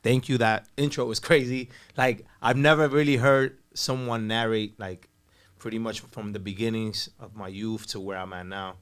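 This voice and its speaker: Guesting on a podcast, this forties-aged radio DJ, born in Puerto Rico and raised in Brooklyn, tells stories in an easygoing way, laughing readily and dropping plenty of "you know"s. His voice sits on the low side, slightly bright and clean, with fairly even intonation at normal speed.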